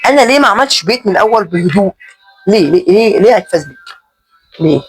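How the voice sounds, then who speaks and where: A young man with an Egyptian Arabic accent runs a gaming channel and chats casually through Minecraft, making fun of himself and yelping in alarm when under attack. He speaks very fast in a high, animated, breathy voice. Soft background music plays, and the recording is rough.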